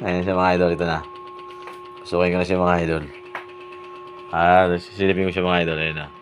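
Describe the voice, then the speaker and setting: Heavy background noise surrounds a man with a deep, flat-pitched voice as he records a home vlog. He's playful and teasing, leaning on "guys" and "idol," and often calls out in a stretched, sing-song way.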